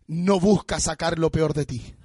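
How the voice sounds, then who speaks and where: A pastor, preaching a sermon with impassioned, often shouted, sung-out phrases. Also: male voice, fairly high pitch, a little slow, breathy edge, no room sound, studio quality. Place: church.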